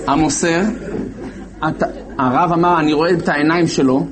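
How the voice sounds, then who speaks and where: Animated male storyteller, voice on the high side. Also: over a noisy crowd. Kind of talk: storytelling sermon.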